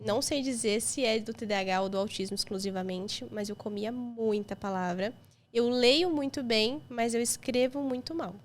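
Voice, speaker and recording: A young Brazilian woman with a Brazilian Portuguese accent, a podcast guest telling personal stories in an emotional, lively way. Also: fairly high pitch, moderate pace. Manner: emotional, lively storytelling with quoted voices. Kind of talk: casual chat.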